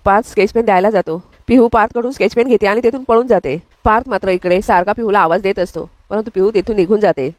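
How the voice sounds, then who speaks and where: A woman narrating a recap of a television serial episode in a brisk storytelling manner. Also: mid-range voice, darkish tone, no echo. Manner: brisk storytelling, reading quotes plainly.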